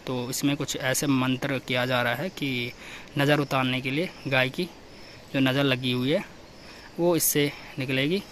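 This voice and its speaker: A man's voice: medium pitch, steady tone, unhurried, slight background noise. A young man from Uttarakhand narrating a walking vlog through his hill village, recorded outdoors on a handheld camera, greeting neighbours as he goes. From Uttarakhand, India. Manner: chatty, greets villagers warmly with loud calls. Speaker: vlogger.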